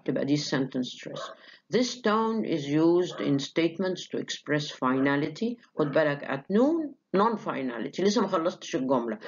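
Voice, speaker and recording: Slow-paced Egyptian woman lecturer. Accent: Egyptian Arabic. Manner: switches between Arabic and slow English, demonstrating pitch. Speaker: phonetics lecturer. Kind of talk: university lecture. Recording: dull, lo-fi lecture recording.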